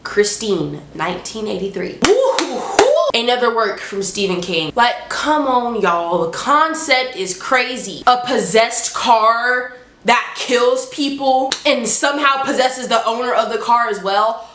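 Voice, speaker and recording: A woman's voice: a little high, a little slow, slight background noise. Congested, nasal woman chatting in an echoey room. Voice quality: congested, nasal, like holding the nose. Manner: slangy, expressive, emphatic. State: stuffed up from allergies. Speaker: movie reviewer hosting a top ten countdown. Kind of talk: casual, chatty vlog. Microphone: handheld phone. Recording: roomy, echoing home recording.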